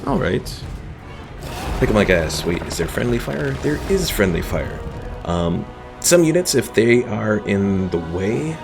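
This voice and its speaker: Talking at a measured pace, a young man with a lowish, sing-song voice and some vocal fry gives casual commentary on a strategy game stream. He thinks out loud and explains how the mechanics work while playing, with game music behind him.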